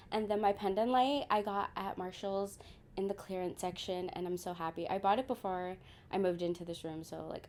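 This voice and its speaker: A young lifestyle vlogger with a low, slightly mellow voice gives her viewers a room tour, chatting casually and talking to them directly. She's chatty throughout and calls them "you guys."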